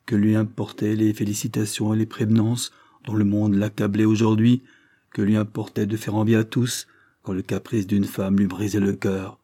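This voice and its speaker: A man narrating a classic novel as an audiobook, in a measured, steady reading. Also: fairly low pitch.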